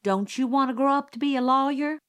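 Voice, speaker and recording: A woman voicing a nosy, teasing Southern society lady with a bright, needling manner. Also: high-pitched, brisk, voice pushed up, lightly acted.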